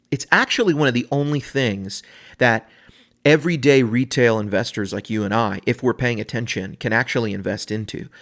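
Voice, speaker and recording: Man, podcast host, casual solo talk, rambling and chatty, mid-range pitch. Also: fairly bright tone. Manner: rambling, chatty, many fillers and restarts.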